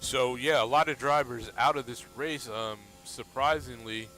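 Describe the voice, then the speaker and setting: A man commentating a sim racing league race in a relaxed, steady play-by-play manner. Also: medium pitch, moderate pace. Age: adult.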